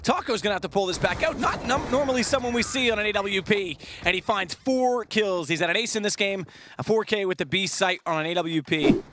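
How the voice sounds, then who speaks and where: A man's voice: high voice, a little fast, fairly bright tone. A man giving play-by-play commentary as an esports caster, with game noise behind his voice.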